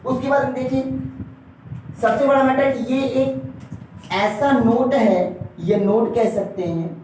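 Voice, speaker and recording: A man's voice: extremely high pitch, slow pace, darkish tone, a little hiss or hum. A male teacher giving an exam-prep lesson at a board. He keeps checking in with a questioning "right?" and calls his viewers dear children. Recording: very echoey room, mic far off.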